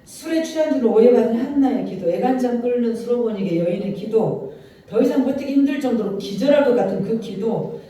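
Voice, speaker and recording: A man's voice: very high-pitched, animated, a little fast, mellow. A man preaching a passionate sermon as pastor, acting out the lines of biblical figures. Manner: impassioned preaching that acts out biblical speakers. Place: church sanctuary. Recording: very echoey church hall from a distant mic.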